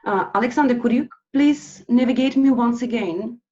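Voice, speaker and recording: A woman presenting a speech analysis in an online lesson, speaking slowly with many pauses and fillers over a video call. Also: a little high, mellow. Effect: heard over a video call. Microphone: computer mic on a video call. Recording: dull lo-fi video call audio.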